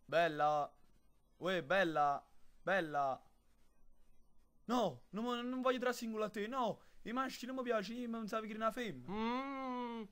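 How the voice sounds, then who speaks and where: A man's voice: high-pitched, a little slow, a bit bright, clean tone. A man with a Neapolitan accent voicing a crude, silly character in a comedic amateur dub of a commercial.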